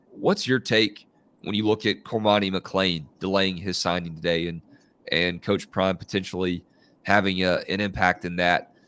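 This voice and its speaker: A man with a congested, nasal baritone that sounds like his nose is pinched, hosting live college football talk in a conversational, think-aloud way. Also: fairly bright tone, clean tone. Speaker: host of a live college football recruiting show. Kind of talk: live sports talk and commentary.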